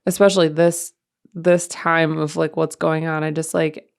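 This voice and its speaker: Woman, podcast co-host and mom; rambling casual chat, lowish gravelly voice. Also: little pitch movement, normal speed. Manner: rambling, chatty, many fillers.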